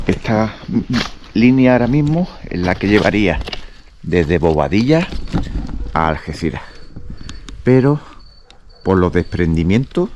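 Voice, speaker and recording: A man talking casually and haltingly as he vlogs a night exploration outdoors. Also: low voice. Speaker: vlogger. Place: outdoors at an abandoned train station at night. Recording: outdoor night recording with noise.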